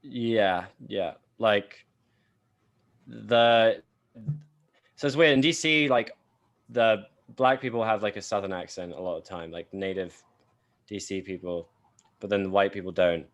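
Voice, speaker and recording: A man's voice: on the low side, measured pace, long pauses. A man from England in casual podcast chat, rambling with lots of fillers and swearing freely. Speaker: podcast co-host.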